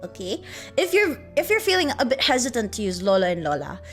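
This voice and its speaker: A woman's voice: a little high, big pitch swings, fast talker, faint music behind. A young woman with a Filipino accent, casually teaching a language lesson on a livestream, giggling and rambling with lots of fillers. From Philippines.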